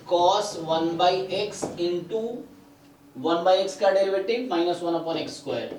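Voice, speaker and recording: Math teacher in an echoey room. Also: male voice, sits high, far from the mic, a little hiss or hum. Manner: explains step by step, often asking "है ना". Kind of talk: live online lecture.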